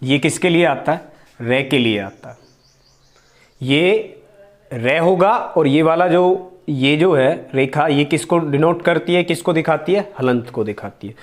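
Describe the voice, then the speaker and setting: An Indian teacher with a somewhat high voice delivers a classroom-style grammar lesson. He goes slowly and patiently, repeating key terms and posing questions that he immediately answers himself.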